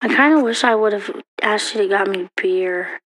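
A woman's voice: mid-range voice, moderate pace, fairly bright tone, poor audio. A woman co-hosting a podcast, half tipsy, chatting casually with a lot of giggling. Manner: giggly, tipsy, self-deprecating. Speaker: podcast co-host. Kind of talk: casual chat.

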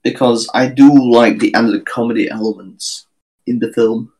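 A man co-hosting a casual film podcast, laid-back and quick to tease. He hesitates with fillers before giving his take. His voice sits at an average pitch. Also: fairly even intonation, darkish tone, rough recording. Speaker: podcast co-host. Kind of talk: casual film review chat.

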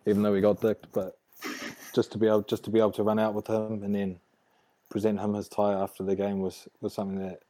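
A man's voice: lowish voice, monotone, fast talker, dark tone. A young man with a broad New Zealand accent, chatting casually and slangily as an interview guest. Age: young adult. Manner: laid-back, slangy. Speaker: interview guest, rugby player. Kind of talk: casual chat.

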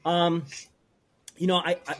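Speaking with a somewhat high voice and flat delivery, a rural Pennsylvania man who owns a brewery shares a personal story during an interview. His telling is earnest, halting, and full of restarts.

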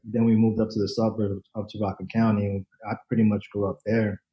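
A Dominican man in his forties, a photojournalist guest, chats loosely in a casual interview, full of fillers, restarts and offhand swearing. His voice is lowish with little pitch movement and a slightly fast pace, and the recording sounds muffled.

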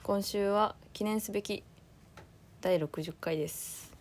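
A woman from Aomori with a Tsugaru accent, co-hosting a casual chat podcast in a relaxed, chatty way and laughing often. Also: mid-range voice, takes it slowly, a little hiss or hum. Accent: Tsugaru dialect. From Aomori, Japan. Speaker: podcast co-host.

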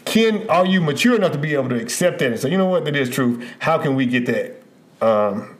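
A man co-hosting a relationship podcast in casual chat, animated and quick to laugh, drifting into playful stories. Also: a little high. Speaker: podcast co-host.

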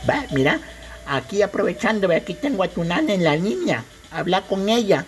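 A woman's voice: medium pitch, big pitch swings, normal speed, over music, close to an everyday voice. A woman playing a loving old grandmother with a Salvadoran accent, fussing over her grandson and husband. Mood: doting. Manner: doting, calls everyone son and dear.

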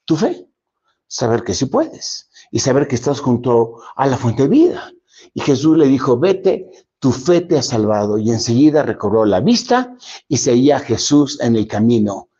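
A man giving a motivational speech, dramatic, swinging between loud emphasis and soft, low lines. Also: very animated, normal speed, husky. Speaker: motivational speaker. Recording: dull lo-fi recording.

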